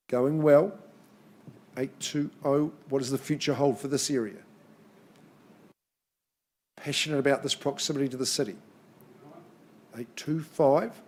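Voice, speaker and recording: A male auctioneer with a slightly high voice runs a live property auction. He calls bids in short, repeated numbers. Between the calls he drops in chatty patter to the bidders. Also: a little mellow. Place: in-room auction.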